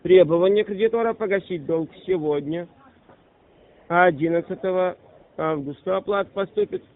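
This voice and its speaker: A man's voice: high voice, normal speed. A man working as a debt collector on a phone call, speaking in an officious, needling manner. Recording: tinny phone line.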